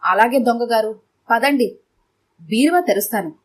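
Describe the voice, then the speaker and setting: A woman's voice: on the high side, lively intonation, moderate pace. A woman narrator voicing a stubborn, shrewd, money-minded wife. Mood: stubborn firm.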